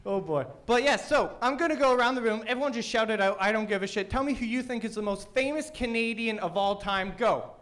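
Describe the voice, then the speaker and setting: A young man with a fairly high voice works an open mic crowd, brash and profane, needling the audience. His words come out thick and mushy, as if his mouth is full. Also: brisk, few pauses, fairly bright tone. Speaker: stand-up comedian; teacher. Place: small comedy studio stage.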